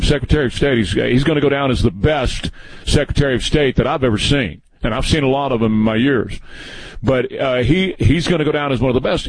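A man's voice: mid-range voice, slightly rough, poor audio. A man in his early sixties hosting a call-in radio talk show, folksy and rambling with frequent restarts. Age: 60s. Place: radio studio.

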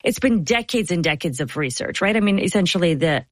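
Low-voiced woman interviewer. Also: expressive, no echo, clean studio sound. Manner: measured, with brief affirmations. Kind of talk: interview questions.

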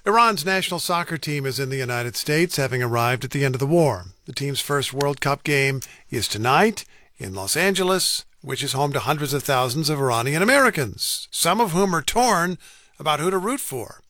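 Guy anchor reading a news intro, kinda higher voice, super dry sound. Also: animated, normal speed, pushed and bright, dry recording.

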